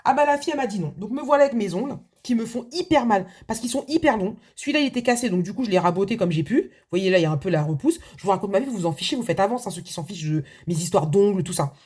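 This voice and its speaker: A woman's voice: mid-range voice, lively intonation, very fast, few pauses, darkish tone, breathy edge. A woman chatting casually to her viewers about her budget binder, telling a long story with many asides, fillers and restarts, from home at her desk. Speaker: budgeting vlogger. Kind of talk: casual chat to camera.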